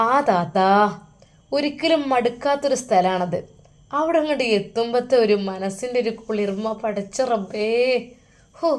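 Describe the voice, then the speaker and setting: Brief: soft-spoken emotional elderly mother with a Malappuram Malayalam accent, put on by a woman storyteller. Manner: soft, lowered and tender.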